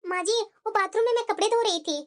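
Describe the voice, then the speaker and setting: A woman voicing a kind, patient young daughter-in-law in a cartoon, calmly placating her mother-in-law. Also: very high-pitched, fairly quick. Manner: patient, soft-spoken, placating. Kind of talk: cartoon voice acting.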